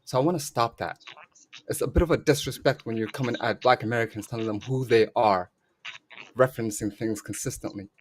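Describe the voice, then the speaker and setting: A man from Somalia who grew up in Canada calls in to a podcast for a casual chat and shares his views earnestly. His voice is mid-range and a little fast.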